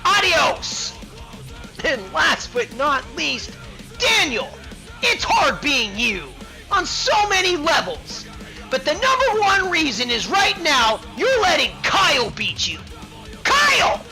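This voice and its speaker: Shouting man in a crude roast rant. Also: very high voice, big pitch swings, slow pace, soft background music, poor audio. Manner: shouting, crude insults, frequent laughter. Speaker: fantasy football league podcast host.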